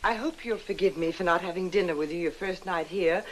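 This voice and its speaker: A woman's voice: fairly low pitch, fairly quick, a little hiss or hum, natural voice, poor audio. A middle-aged actress playing a motherly, knowing American wife with a dry manner, in 1960s film acting.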